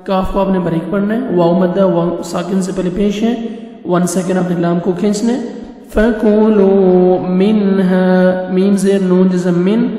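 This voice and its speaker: A male Quran teacher from Pakistan with a high, mellow voice, spelling out letters and then chanting each phrase in long, drawn-out tones. His delivery stays level and even. The sound rings with heavy, long reverb, and faint music plays underneath. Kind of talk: word-by-word recitation lesson.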